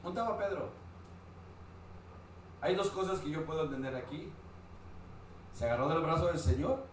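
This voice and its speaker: A man's voice: a little high, moderate pace, far from the mic. A man preaching a sermon, asking the congregation questions as he goes. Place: church hall. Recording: very echoey church hall, faint noise.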